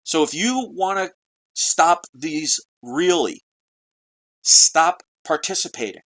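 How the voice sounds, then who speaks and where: A man's voice: on the high side, lively intonation, slow pace, fairly bright tone, poor audio. A man delivering an urgent, preachy video monologue to his viewers, full of rhetorical questions. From United States. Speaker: political video blogger. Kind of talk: ranting monologue to camera.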